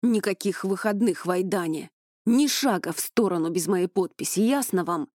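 A stern male commander barks reprimands at his careless recruits, as a woman narrator voices him. His voice is gruff and pitched low, mellow in tone, and recorded close and dry like a studio audiobook. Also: moderate pace, no room sound, lightly acted. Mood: angry scolding. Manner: gruff, berating.

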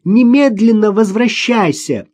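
A man voicing a young mother, a schoolteacher, who shouts frantically after her daughter and scolds her sternly afterwards. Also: a little high, big pitch swings, moderate pace, breathy edge. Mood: frantic. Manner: frantic calling, then stern reproach. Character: shaken young mother, woman, anxious and stern.

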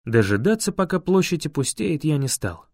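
A man's voice: a little high, moderate pace, no echo. Male fantasy audiobook narrator, dry sound. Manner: steady storytelling, voices each character.

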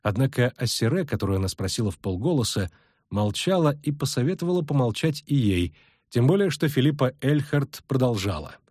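A man narrating a fantasy audiobook in a measured, even storytelling manner. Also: mid-range voice, slightly rough, dry recording, studio quality.

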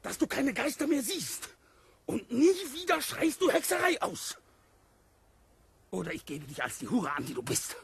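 An actor playing a tormented, threatening farmer with a hoarse, intense voice in a 1950s German radio play. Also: male voice, extremely high pitch, sing-song, normal speed, long pauses, no room sound, full character voice. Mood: furious, anguished. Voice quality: hoarse, gravelly. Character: tormented, furious farmer confronting a dangerous young woman.

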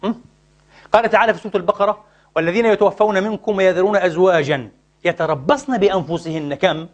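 Male religious law teacher, high voice, quick delivery, quizzes the room. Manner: animated, asks the audience to finish his sentences. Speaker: Islamic jurisprudence teacher. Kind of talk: lecture with call-and-response questions.

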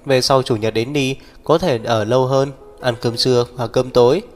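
A man voicing a sickly, reserved young man who speaks quietly. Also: mid-range voice, steady tone, normal speed, close to an everyday voice. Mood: calm. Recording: long reverb, faint background music.

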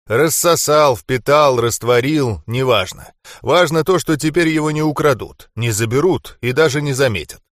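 A wordy, riddling male spirit voice inside the hero's head, as a male reader does it, close to the reader's own pitch. He talks cryptically, in a dry, close storybook reading. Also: normal speed, fairly bright tone, no echo, lightly acted. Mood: offhand.

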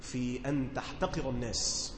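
A man's voice: medium pitch, moderate pace, echoey room, long reverb tail, slight background noise. A man with an Egyptian accent teaching a religious lesson. He reads the classical text, then explains it in casual dialect and keeps asking his listeners whether they follow. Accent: Egyptian Arabic. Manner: conversational, asks listeners questions to check understanding. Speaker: teacher explaining Quran commentary.

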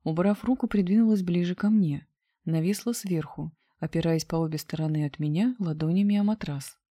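A woman narrating a romance novel aloud in a soft, intimate reading. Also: on the low side, brisk, no room sound, clean studio sound. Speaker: audiobook narrator.

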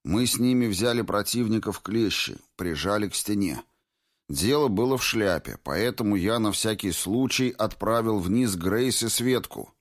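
A man voicing a rough male fighter in an audiobook, blunt and given to swearing. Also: on the low side, moderate pace, no echo, studio quality, close to an everyday voice. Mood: reporting.

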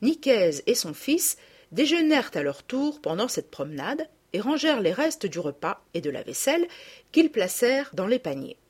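A woman reading a classic children's story aloud with expressive, animated narration. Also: on the high side, moderate pace, slightly rough. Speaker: audiobook reader.

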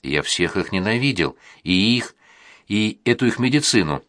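A man narrating a first-person audiobook in a plain, even reading manner. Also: on the low side, moderate pace, no room sound, studio quality.

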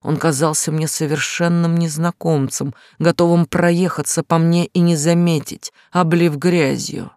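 A woman narrating a first-person romance novel as an audiobook, slow, emotional and pained. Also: low-pitched, steady tone, darkish tone, no echo, clean studio sound.

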